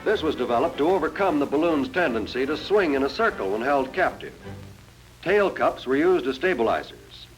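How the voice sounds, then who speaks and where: A man narrates a 1940s military training film in a formal, instructive, scripted style. His voice is a little high and very animated, at a moderate pace. The low-quality recording is a 1940s film soundtrack with faint music.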